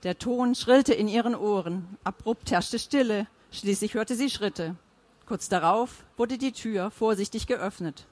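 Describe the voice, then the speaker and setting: A woman narrating a novel in a measured, even storytelling manner. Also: medium pitch, no room sound. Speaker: audiobook narrator. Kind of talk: scripted narration.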